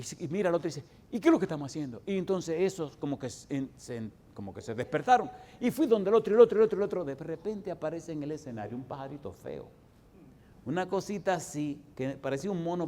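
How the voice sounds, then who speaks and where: A man of sixty, a pastor preaching a sermon and telling a personal story, swinging from loud exclamations to low, confiding tones. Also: a little hiss or hum. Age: 60s.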